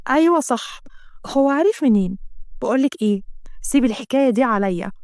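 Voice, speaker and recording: A woman's voice: sits high, animated, fast talker, darkish tone, dry recording, clean studio sound. A woman doing a worried, protective friend. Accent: Egyptian Arabic. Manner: soothing, worried. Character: protective female office friend.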